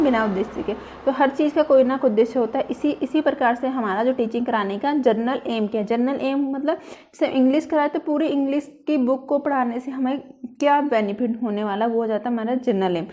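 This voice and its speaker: A woman with a fairly high voice lectures like a teacher in a classroom. She explains each point step by step. She reads English phrases slowly in an Indian English accent, then restates them in plainer words. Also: darkish tone. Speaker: teacher explaining a lesson plan.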